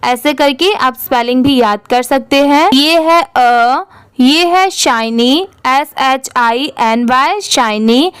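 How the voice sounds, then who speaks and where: High-voiced indian woman teaching english, spells words out slow, dry close sound. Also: dry recording. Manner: spells words letter by letter, then asks and answers her own questions.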